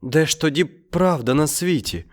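A man's voice: fairly high pitch, lively intonation, normal speed, a little mellow, voice pushed up, lightly acted. A man voicing a kind, honest villager pleading for justice in a storybook reading. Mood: earnest. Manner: earnest, pleading.

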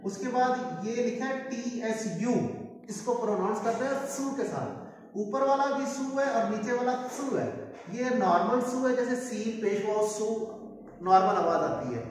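A man teaching a video lesson and slowly drawing out each sound in pronunciation drills. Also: sits high, a little hiss or hum. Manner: slow drawn-out pronunciation drills. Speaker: language teacher. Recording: echoey room from far off.

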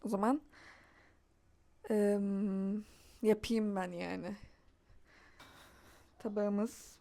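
A woman's voice: mid-range voice, fairly even intonation, extremely slow, gravelly, dark tone. A young woman chatting casually at home as a vlogger, laughing often and cooing at a little child. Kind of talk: casual vlog chat.

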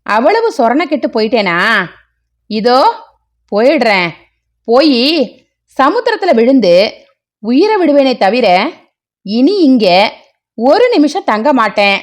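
Casting: a wailing, bitter middle-aged wife, slow and lively in pitch, read by a woman storyteller. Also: exaggerated voice. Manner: wailing, reproachful.

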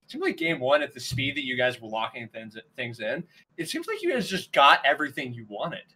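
A man's voice: mid-range voice, wildly swooping pitch, fairly quick, pushed and bright, slightly rough, low-quality recording. A man casting a college esports match live, talking energetically and rambling with lots of fillers. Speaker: esports caster.

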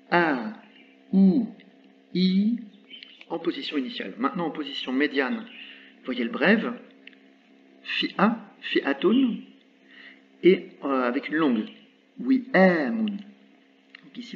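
A man explaining Arabic letters in French, patiently repeating example words slowly with small hesitations. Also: mid-range voice. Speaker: Arabic teacher. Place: indoors with birds audible outside. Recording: slightly dull recording with faint background noise.

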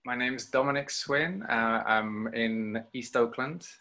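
A man from London, a DJ and sound practitioner, introducing himself in a measured way on a video call. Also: medium pitch, bright, forceful tone.

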